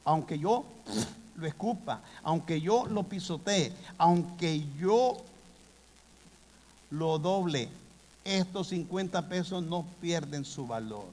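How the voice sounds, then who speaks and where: A man preaching a sermon, impassioned, with sudden loud bursts. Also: a little high, lively intonation, takes it slowly. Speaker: pastor. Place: church hall. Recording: long hall reverb.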